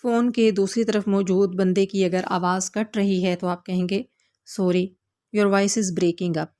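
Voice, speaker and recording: Woman teaching English phrases slowly. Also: medium pitch, steady tone, warm tone. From Pakistan. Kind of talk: short video language lesson.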